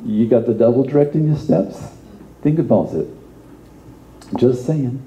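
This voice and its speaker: A man's voice: mid-range voice, measured pace, mellow, roomy sound, a little hiss or hum, poor audio. A male pastor giving a conversational sermon, often repeating words and adding asides.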